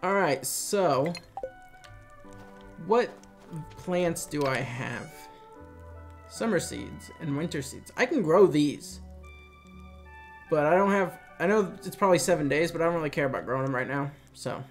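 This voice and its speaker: A man's voice: on the high side, measured pace, long pauses, faint music behind. A man hosting a casual let's play, musing aloud and chatting as he plays. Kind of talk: casual gameplay commentary.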